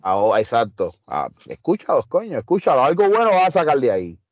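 At a slightly fast clip, this man speaks at medium pitch and is very animated, recorded cleanly in a studio with no echo. As a wrestler guest and trainer with a Puerto Rican Spanish accent, he tells casual interview stories that are emphatic, streetwise and loaded with fillers.

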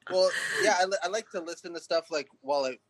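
A man's voice: sits high, quick pace, crowd noise. A man in his late thirties from San Diego, a podcast guest talking casually with plenty of fillers and restarts. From San Diego, California. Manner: rambling, many fillers and restarts. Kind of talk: casual interview chat.

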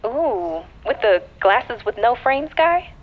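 A playful young friend on a phone call, with a fairly high voice that swoops around. She sounds dull and tinny, as if heard through the phone. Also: slow pace, heavily acted. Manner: teasing, animated.

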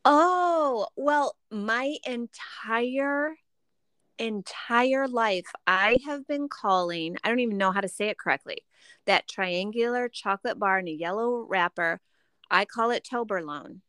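A woman co-hosting a podcast in casual chat, playful and quick to laugh. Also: on the high side, fairly bright tone, clear, resonant tone, no echo. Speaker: podcast co-host.

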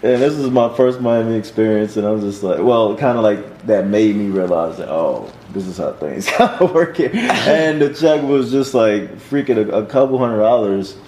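A man's voice: fairly low pitch, expressive, normal speed, few pauses, a little mellow. A man chatting casually, rambling through his reflections and stories in loose slang. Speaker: stage show performer. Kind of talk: casual chat. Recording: roomy echo, light background noise.

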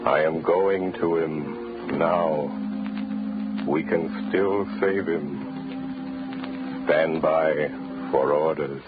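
An actor playing an unseen, menacing avenger in old radio drama, slow, ominous and taunting in a theatrical way. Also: male voice, extremely low pitch, full character voice. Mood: grave, commanding. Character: unseen, menacing male avenger speaking from the shadows. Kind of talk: 1930s radio drama acting. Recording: muffled old radio recording, phone-like, music behind.

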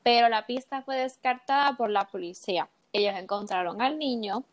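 A woman's voice: a little high, moderate pace. A young woman casually telling a true-crime case in a chat podcast, slipping English words into her Spanish.

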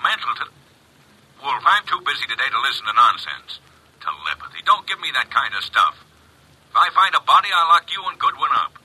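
An actor playing an irritable, blustering police inspector in an old radio drama, with gruff, impatient slangy talk. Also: male voice, medium pitch, sing-song, brisk, pushed and bright, full character voice, rough recording. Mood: exasperated. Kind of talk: 1940s-1950s radio detective acting.

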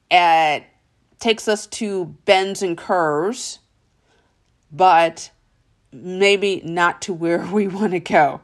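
Lively, low-voiced woman podcast host. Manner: animated, storytelling, addresses listener as honey and darling. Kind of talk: motivational podcast talk.

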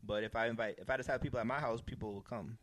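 A man chats on a podcast at an easy, laid-back pace. His voice sits at an ordinary middle pitch, and his banter is crude and offhand. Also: steady tone, racing, fairly bright tone, slight background noise. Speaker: podcast co-host. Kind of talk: casual chat.

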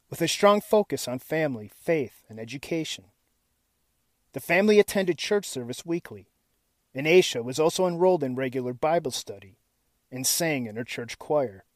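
A man's voice: fairly high pitch, no echo. Suspenseful male true-crime narrator, dry close sound. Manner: measured, deliberate, serious storytelling with dramatic pauses. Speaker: host and narrator of a missing-persons series.

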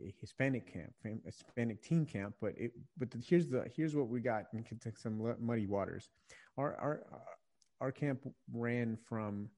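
A young adult ministry leader from Virginia, USA, is a guest on a conversational podcast, speaking earnestly and reflectively. He often restarts phrases while searching for words. His voice is fairly low and a little mellow.

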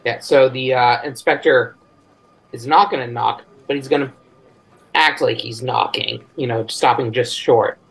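Male player, casual and halting, mid-pitched. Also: vocal fry, slightly rough, poor audio. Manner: hesitant, full of fillers and restarts. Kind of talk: casual tabletop game play.

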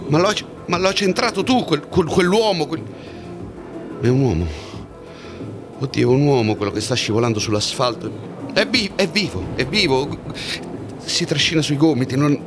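A man voicing a jittery night agent muttering to himself. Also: mid-range voice. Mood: panicked. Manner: muttering, thinking aloud, panicking. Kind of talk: audio drama inner monologue.

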